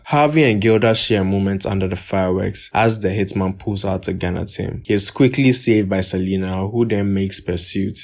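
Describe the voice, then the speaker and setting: A man narrating a film recap in a steady, measured way, with personal asides and speculation. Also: fairly low pitch. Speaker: film reviewer. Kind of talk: movie recap and commentary voice-over.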